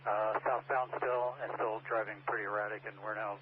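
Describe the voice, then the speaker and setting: A man's voice: lowish voice, fairly even intonation, moderate pace. A man, a patrol officer, reporting in over a two-way police radio in clipped radio talk with hesitant fillers. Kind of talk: terse radio traffic. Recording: tinny radio transmission with static.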